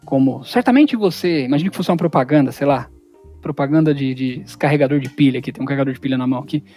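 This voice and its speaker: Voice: mid-range voice, fast, dark tone, faint music behind. A communication instructor giving an informal lecture. The speaker talks in a casual, slangy way and acts out everyday examples in changed voices.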